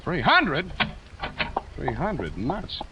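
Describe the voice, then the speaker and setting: Sam Spade, wry detective. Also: male voice, on the high side, huge pitch swings, very slow, background noise, exaggerated voice. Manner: wry, dry, laconic. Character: wry hard-boiled male private detective. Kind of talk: 1940s radio acting. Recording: dull old radio broadcast.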